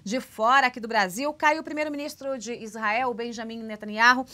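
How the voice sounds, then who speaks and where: A woman hosting a news talk show, brisk and conversational. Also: fairly high pitch, bright, forceful tone. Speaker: radio host.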